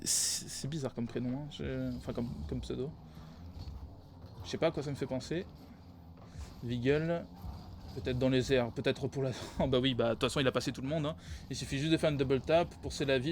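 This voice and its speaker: A man's voice: medium pitch, a little hiss or hum. A man casting a video game match live for a stream, tired, rambling and correcting himself as he goes. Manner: rambling, self-correcting, laughs at own slips. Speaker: esports caster.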